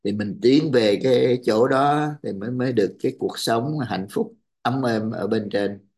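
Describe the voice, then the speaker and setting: A man giving a calm spiritual talk, quoting verses and explaining them. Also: medium pitch, moderate pace. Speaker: religious teacher.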